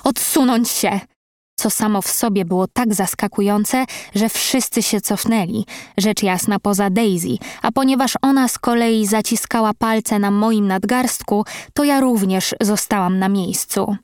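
A woman's voice: mid-range voice, a little slow, hardly any pauses, a little mellow, clean tone, dry recording, studio quality. Woman reading a first-person audiobook. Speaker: audiobook narrator.

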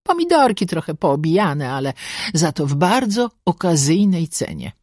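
A woman's voice: fairly low pitch, sing-song, normal speed, darkish tone, no room sound. A woman narrating a first-person audiobook with a sardonic, bossy and dryly comic manner, close to the mic.

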